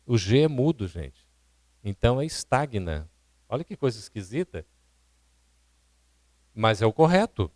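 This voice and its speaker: A Brazilian man lectures a seminar audience in a didactic way, often asking them questions. His voice sits at an ordinary middle pitch. The sound is dry and close. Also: sing-song, normal speed, long pauses, a little mellow, no echo. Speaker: seminar speaker. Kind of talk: lecture on public speaking. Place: seminar hall at a spiritist centre.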